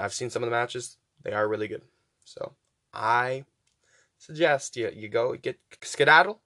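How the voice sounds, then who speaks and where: A man's voice: mid-range voice, bright, forceful tone, no echo. A man hosting a casual, rambling podcast, chatty and urging listeners on, pronouncing his R sounds weakly, close to W. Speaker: podcast host.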